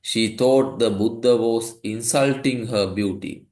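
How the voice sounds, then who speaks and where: Male tutor from Sri Lanka, slow and patient, recorded in a reverberant room. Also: medium pitch, a little mellow. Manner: slow, explanatory, checks understanding with "right?". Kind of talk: one-on-one tutoring, reading a story aloud. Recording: echoey room.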